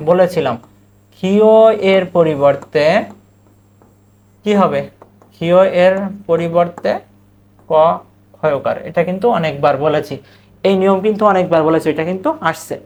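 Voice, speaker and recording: A man's voice: fairly high pitch, a little mellow. Bangladeshi male teacher drilling pronunciation. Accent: Bangladeshi Bengali. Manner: drills students with questions, then repeats the answers; stretches out model words slowly, syllable by syllable. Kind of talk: recorded exam-prep lesson.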